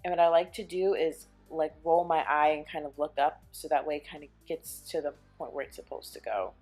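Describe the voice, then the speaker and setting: A young woman with a slightly low voice chats through a makeup tutorial, explaining each step as she goes. Soft music plays behind her. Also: steady tone, a little fast. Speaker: beauty vlogger. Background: soft background music.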